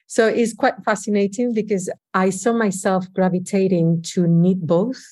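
A woman's voice: mid-range voice, steady tone, moderate pace, darkish tone. A woman from Spain with a Spanish accent, speaking reflectively as an interview guest, often restarting her phrases. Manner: reflective, frequent restarts and "you know". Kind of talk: conversational interview.

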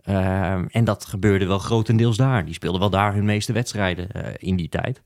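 A man's voice: low voice, steady tone, normal speed, a little mellow, dry recording, clean studio sound. A man with a broad Utrecht Dutch accent, chatting and telling stories in a wry, colloquial way as a podcast panelist. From Utrecht, Netherlands. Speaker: podcast panelist on football history. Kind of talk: casual chat, storytelling.

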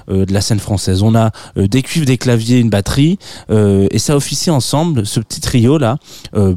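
A man's voice: lowish voice, dark tone, no room sound. A man from France giving a chatty, playful radio music column, rambling a little with frequent hesitations, recorded in a radio studio.

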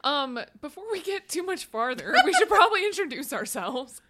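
A woman co-hosting a podcast, chatting and giggling with friends. Her voice is high and bright, and it swings up and down with energy. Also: big pitch swings, moderate pace. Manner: giggly, playful. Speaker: podcast co-host. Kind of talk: casual chat.

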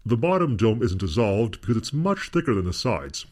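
A man's voice: lowish voice, very animated, moderate pace, darkish tone. A man narrating an online how-to video through a voice changer, in an upbeat, scripted explainer style.

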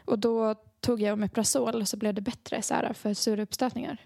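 Lively young woman telling a story. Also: fairly high pitch, gravelly, no room sound, studio quality. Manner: animated storytelling, acting out quoted dialogue, frequent laughter. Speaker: podcast co-host, songwriter. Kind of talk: casual chat.

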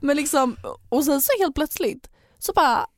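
A woman in her twenties co-hosting a podcast, chatting quickly and casually with lots of fillers. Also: high-pitched, no echo, clean studio sound. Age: 20s. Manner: chatty, fast, full of fillers like "så här" and "liksom". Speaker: podcast co-host.

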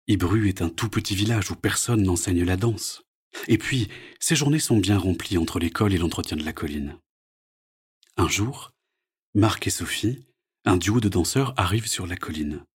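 A man narrating a children's storybook read-aloud in an expressive, soft storytelling manner, with a breathy voice. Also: low-pitched, moderate pace.

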